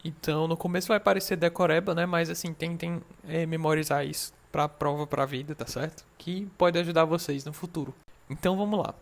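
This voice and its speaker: Man, Brazilian accent, young adult, medical lecturer, fairly high voice, gravelly, reassuring. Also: fairly even intonation, a little fast. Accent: Brazilian Portuguese. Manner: explanatory, reassuring, frequent check-ins with students.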